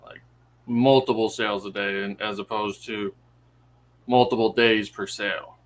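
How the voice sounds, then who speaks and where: A man's voice: lowish voice, fairly even intonation, moderate pace, a little hiss or hum. A man in a casual chat, talking in a chatty way and laughing easily.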